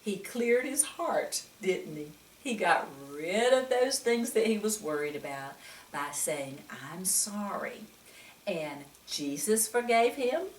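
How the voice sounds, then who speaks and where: Picked up by a distant microphone in an echoey room with slight background noise, a woman whose voice sits on the low side reads a picture book to young children. Her reading is expressive, with exclamations and frequent questions to the listener.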